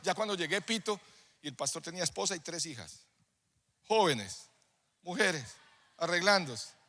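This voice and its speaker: A man preaching a sermon, telling a personal story in a conversational way that builds into loud, emphatic preaching. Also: high voice, animated, normal speed. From Colombia. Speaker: pastor. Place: church hall. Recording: live sermon in a reverberant hall.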